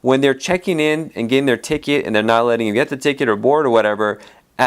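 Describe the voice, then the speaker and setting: This man's voice is smooth and medium in pitch. He's an immigration attorney running a podcast by himself, rambling casually with plenty of fillers and false starts, his voice tired from a full day of speaking.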